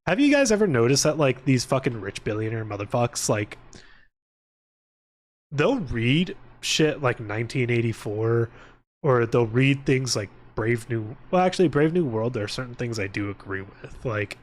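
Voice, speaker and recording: This man's voice sits at medium pitch and moves at a normal speed with a sing-song lilt. He's chatting loosely on a livestream, profane and informal, interrupting himself and drifting off topic.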